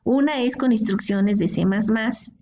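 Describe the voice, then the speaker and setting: Her voice is a little high and slightly mellow, moving at a measured pace, with a bit of hiss or hum in the audio. She walks students through a coding lesson step by step on a screen recording, frequently asking "¿sí?" or "¿de acuerdo?" to make sure they're with her.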